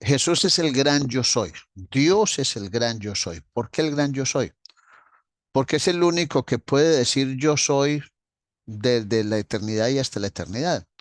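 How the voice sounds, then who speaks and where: A man leads a doctrinal Bible class, talking straight to his listeners and going over each point more than once. His voice sits at an ordinary middle pitch. The sound is dry and close, with no room echo, and he clears his throat now and then. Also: unhurried. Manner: explanatory, addresses listeners directly, repeats key points. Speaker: Bible teacher.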